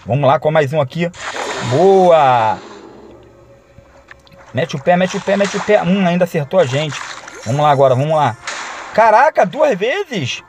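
A young Brazilian man with a Brazilian accent giving excitable gameplay commentary, shouting and chanting in the busy moments. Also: a little high, normal speed, long pauses, a little hiss or hum. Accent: Brazilian Portuguese. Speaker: gaming YouTuber. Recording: loud game music underneath.

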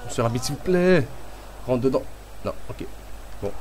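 A man with a cold commentates on his own football video game match, casual and excitable, shouting at the players and the referee. His mid-range voice moves at a moderate pace, and the audio quality is poor.

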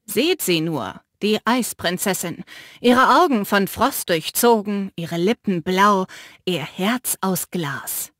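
A cocky young prisoner, played by a woman drawls his jokes slowly and grins through every line. He mocks everyone with theatrical flair. Close, dry recording. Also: sits high, expressive, fairly bright tone, no echo, exaggerated voice. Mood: mocking. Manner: teasing, theatrical, flippant. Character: cocky grinning young man, mocking joker.

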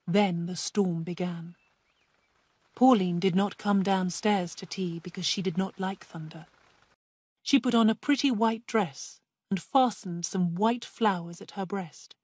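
Slow, breathy woman reading a story. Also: mid-range voice, no echo. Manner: slow, careful, even delivery. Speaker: narrator. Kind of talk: slow scripted audiobook reading for learners.

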